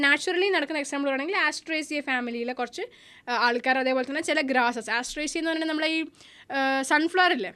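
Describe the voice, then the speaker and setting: A woman teaching an exam-prep biology lesson, who keeps asking questions and answering them herself, and reads English definitions slowly. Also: high-pitched, fairly bright tone.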